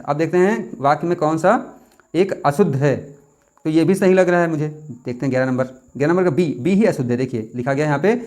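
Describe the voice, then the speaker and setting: Young guy tutoring for an exam, talks quick, a bit high, mutters and rereads lines. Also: darkish tone. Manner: muses aloud, rereads sentences slowly, self-corrects. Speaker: exam coach. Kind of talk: thinking-aloud exam tutorial.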